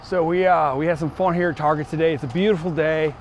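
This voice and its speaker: A man's voice: on the high side, steady tone, quick pace, slight background noise, natural voice. A young man playing a laid-back, goofy dude who returns shopping carts, rambling in an upbeat way outdoors in a parking lot. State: winded. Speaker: comedic character. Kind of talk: improvised comedy sketch.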